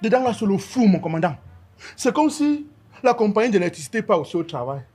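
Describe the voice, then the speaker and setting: An actor playing a gendarme who complains about the heat and the lack of fuel. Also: male voice, high voice, very animated, brisk, a little mellow, husky, faint music behind, exaggerated voice. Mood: complaining. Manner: grumbling, complaining.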